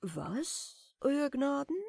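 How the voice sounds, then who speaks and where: A woman's voice: high voice, very animated, creaky, a little mellow, no room sound, studio quality, pitched above the performer's own voice, full character voice. A woman voicing a polite, astonished sailor man who hesitates with fillers, in a storybook reading. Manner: hesitant, with fillers, slow and deferential.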